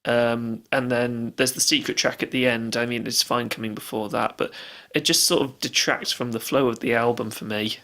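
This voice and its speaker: A man's voice: medium pitch, fairly even intonation, normal speed, hardly any pauses, sharp tone. A man co-hosting a podcast, chatting casually about an album, laughing often. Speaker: podcast co-host. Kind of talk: casual music review chat.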